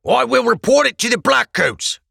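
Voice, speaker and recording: A man's voice: medium pitch, big pitch swings, normal speed, creaky, pushed and bright, dry recording, studio quality, voice pushed up, exaggerated voice. A man voicing a scheming male merchant neighbor who speaks in odd, stilted phrases. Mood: threatening.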